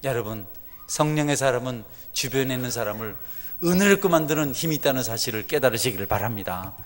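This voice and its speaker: Middle-aged Korean pastor preaching in a reverberant church. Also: male voice, medium pitch, expressive, fast. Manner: swings from hushed asides to loud fervent preaching. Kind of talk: sermon. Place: church sanctuary. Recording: church sanctuary with long reverb.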